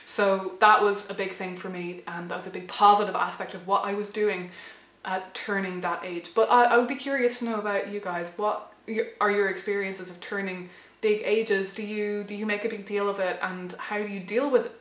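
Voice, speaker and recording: A woman of about thirty speaks in a thoughtful, halting way and often circles back on herself. Her voice sounds a little hoarse and worn, pitched at a middling height. The recording carries a noticeable room echo. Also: steady tone, a bit bright. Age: late 20s to 30. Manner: thoughtful, hesitant, many restarts and fillers. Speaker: channel host. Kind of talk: reflective personal vlog.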